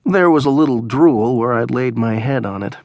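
A man audiobook narrator telling a story in the first person, in a wry, low-key way. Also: moderate pace, no echo.

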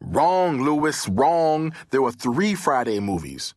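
A man voicing a jumpy, self-protective twelve-year-old boy who talks loud and excitable. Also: mid-range voice, normal speed, husky, dry recording, clean studio sound. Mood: teasing.

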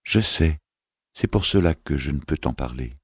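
A man voicing a queenly mother who speaks gently and reassuringly, with a fierce edge underneath. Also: very deep voice, lively intonation, moderate pace, husky, no room sound, clean studio sound, full character voice. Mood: tender. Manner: gentle, reassuring, flaring sharply.

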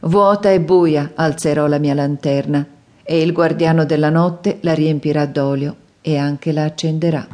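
A woman voicing a male prophet's inner speech in an audiobook, solemn and measured. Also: low-pitched, steady tone, darkish tone, natural voice. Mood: solemn, wistful. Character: male prophet, solemn and wistful, departing a city.

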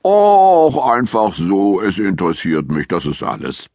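A man's voice: sits low, lively intonation, measured pace, darkish tone, no room sound, clean studio sound. A man doing an earnest family father. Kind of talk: audiobook character voice.

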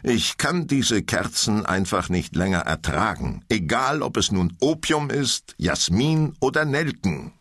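A man's voice: lowish voice, very animated, unhurried, hardly any pauses, a bit bright, dry recording, studio quality, pitched above the performer's own voice, exaggerated voice. Man doing a weary older bookkeeping woman. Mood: sighing. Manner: sighing, tactful.

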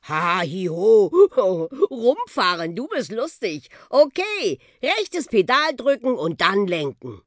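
A woman's voice: mid-range voice, huge pitch swings, measured pace, dry recording, clean studio sound, voice pushed up. A woman voicing a cheerful, show-off old male talking bus in a children's audiobook. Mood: cheeky. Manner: cheerful, show-off, breathless boasts.

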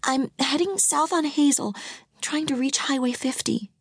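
A frantic, tearful young wife, as a woman narrator puts her on, her voice climbing high and breaking into urgent whispers. She pleads in a quick, breathless rush, close and dry to the mic. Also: animated, no echo.

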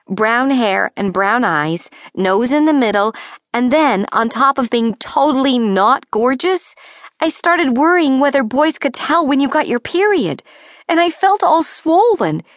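A woman's voice: a little high, dry recording, clean studio sound. Wry, breezy woman audiobook narrator. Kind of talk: first-person audiobook narration of a teen novel.

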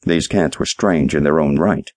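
A man narrating a short story in an audiobook, reading in a measured storytelling manner. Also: extremely low pitch, no echo, studio quality. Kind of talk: scripted narration.

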